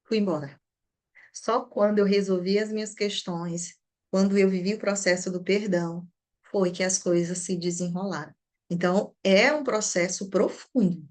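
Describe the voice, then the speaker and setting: A Brazilian woman teaching an online class through personal testimony. She tells her story with animation and acts out the conversations and prayers in it. Her voice sits at a middle pitch. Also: moderate pace. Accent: Brazilian Portuguese. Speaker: online therapist and community teacher.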